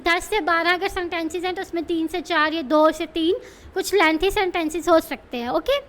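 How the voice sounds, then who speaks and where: Very high-voiced woman tutor. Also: moderate pace, a bit bright. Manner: explains with many rhetorical questions and check-ins; mixes English terms into Urdu speech. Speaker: English test tutor. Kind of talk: casual teaching lesson.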